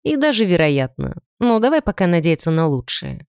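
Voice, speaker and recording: A woman voicing a calm, confident young male mage in a dry-sounding audiobook reading, speaking lower and steadily. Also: normal speed, smooth, dry recording.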